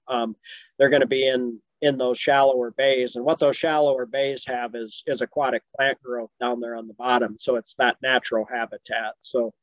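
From a home office, a Midwestern American man in his fifties explains fishing during a webinar Q&A, answering questions as a fisheries expert in a relaxed way with lots of ums. His medium-pitched voice comes through a webcam on a video call, sounding dry and muffled.

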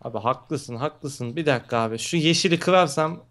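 A young man playing alongside a friend, lively and reporting his moves in casual chat. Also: fairly high pitch, normal speed. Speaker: gaming teammate.

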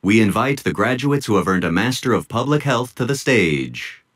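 A man announcing graduates' names at an outdoor commencement ceremony, in a measured, deliberate manner. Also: lowish voice, very animated, a bit bright, husky. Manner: measured, deliberate name-reading. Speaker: commencement name reader. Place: outdoor tent stage at a graduation.

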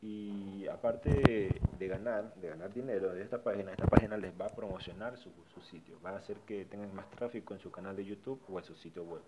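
A tutorial vlogger casually narrates a screen-recorded website walkthrough in a low voice, a little fast and with few pauses. He often repeats and restarts phrases while pointing things out, and heavy background noise fills the recording.

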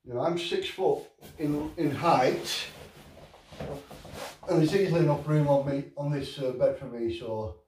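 A middle-aged man from England with a Northern English accent casually reviews camping gear in his living room, rambling in a matter-of-fact way. His somewhat mellow voice is on the high side, unhurried, with frequent pauses. A far-off camera on a tripod captures roomy, distant audio with faint noise.

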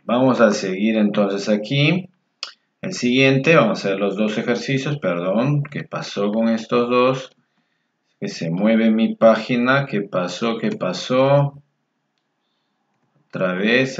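A man teaching a Spanish grammar lesson to learners in a friendly way. He repeats words slowly and mutters asides to himself while fixing his screen. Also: lowish voice, a little hiss or hum. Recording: echoey room, dull lo-fi sound.

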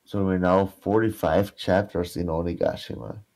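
A man in his thirties chatting casually about comics as a co-host, hesitant and halting, often repeating himself. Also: low-pitched, steady tone, a little mellow. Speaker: co-host of a manga reaction show. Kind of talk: casual chat reviewing a manga chapter. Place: small room at home, indoors.

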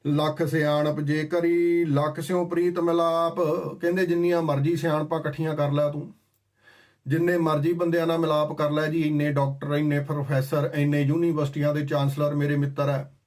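A man giving a sermon that explains scripture. He chants verses slowly and then explains them in plain, conversational talk. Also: on the high side, darkish tone. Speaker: Sikh scripture preacher.

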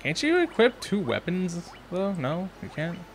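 A man's voice: sits high, wildly swooping pitch, a little hiss or hum. Chatty young man commenting on gameplay. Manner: chatty, thinking aloud, quick asides. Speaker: let's play host.

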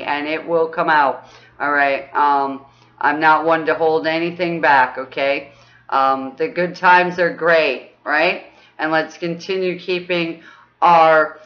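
A woman leading a guided throat chakra exercise, chatty and upbeat, often checking in with "okay?" and breaking into high whoops. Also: lo-fi sound. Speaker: spiritual teacher.

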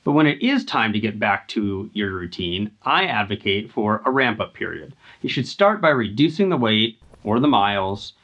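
A man in his thirties, hosting a scripted fitness explainer in an earnest, steady, instructive way, filmed in front of a home climbing wall. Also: on the low side, dull audio. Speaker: host.

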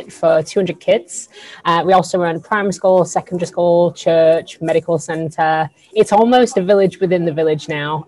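Low-voiced northern English woman. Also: a little mellow, poor audio. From northern England. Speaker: charity founder, guest. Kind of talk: podcast interview.

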